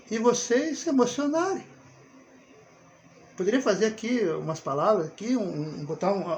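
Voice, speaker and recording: A man with a Brazilian Portuguese accent teaching the Bible in a relaxed, conversational way, often checking in with his listeners and chuckling as he talks. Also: sits high, slight background noise. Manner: chatty, with rhetorical check-ins and frequent chuckles. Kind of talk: informal conversational Bible talk.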